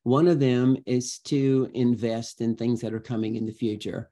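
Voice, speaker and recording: Speaking at medium pitch and a normal speed, a male guest educator gives conversational interview answers. He's expressive and emphatic, performing his examples the way a storyteller would.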